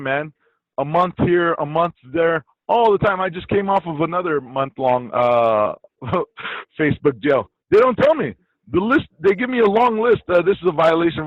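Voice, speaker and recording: A man's voice: a little high, no room sound. A man from Iraq, an interview guest, talking bluntly and swearing freely. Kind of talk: casual interview talk. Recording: dull lo-fi dry sound.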